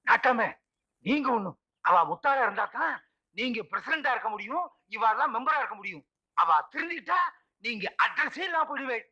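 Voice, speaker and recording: A man's voice: very high voice, animated, fairly quick, long pauses, bright, forceful tone, lo-fi sound, exaggerated voice. An actor playing a sly villager who lectures the headman in a film comedy.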